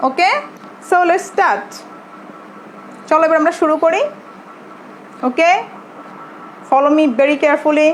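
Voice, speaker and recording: A Bangladeshi woman, a primary school English teacher, giving an online lesson in English and Bengali, slowly repeating words for her pupils. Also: sits high, slight background noise, poor audio.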